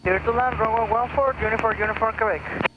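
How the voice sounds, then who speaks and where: A man speaking as a pilot, making clipped, rapid radio calls from a cockpit headset over aviation radio. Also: high voice, fairly even intonation. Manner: clipped, rapid read-backs. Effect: pilot's cockpit headset heard over aviation radio. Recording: tinny radio transmission with engine noise.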